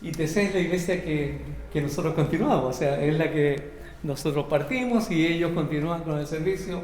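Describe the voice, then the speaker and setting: A man's voice: a little high, brisk, darkish tone. A man, a church leader, giving an informal welcome to a visiting pastor. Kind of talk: welcome address. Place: church hall. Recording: echoey church hall with long reverb.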